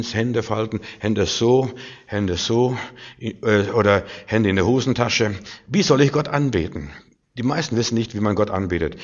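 A man preaching a sermon with passion, swinging from hushed lines to loud outbursts. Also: lowish voice, dull audio.

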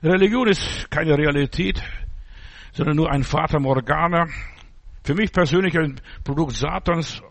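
Gravelly husky guy preaching, blunt and mocking, choppy short phrases. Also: on the high side, normal speed. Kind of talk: informal sermon.

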